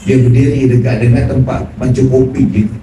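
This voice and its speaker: A man preaching a sermon, telling stories animatedly and acting out dialogue with big swings in pitch. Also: steady tone, a little fast. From Malaysia. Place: prayer hall. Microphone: phone recording from the audience. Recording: echoey hall from far off with room noise.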